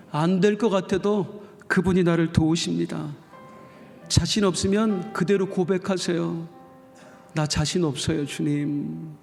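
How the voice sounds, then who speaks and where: A man preaching a sermon as pastor, telling a story with emotion and voicing the characters with sudden loud outbursts, in a church sanctuary. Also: high voice, creaky. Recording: long reverb of a church hall.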